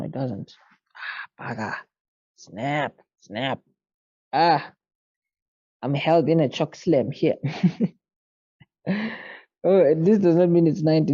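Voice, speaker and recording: A man tutoring maths, working through an exam paper out loud in a casual way, muttering to himself and sounding tired late at night. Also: on the high side, breathy edge, muffled recording.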